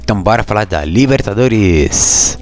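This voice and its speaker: Low-voiced Brazilian man hosting over music. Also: animated, moderate pace, darkish tone. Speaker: sports show host. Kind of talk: casual football news commentary.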